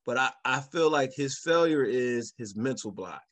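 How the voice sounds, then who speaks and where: A man's voice: medium pitch, expressive, normal speed, fairly bright tone. A man on a podcast panel talking sports casually, repeating phrases for emphasis.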